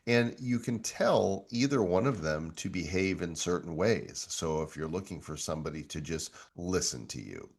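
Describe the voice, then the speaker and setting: Deep-voiced male tech show host. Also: moderate pace, hardly any pauses, slightly rough. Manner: relaxed, conversational, easily amused. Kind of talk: casual tech walkthrough.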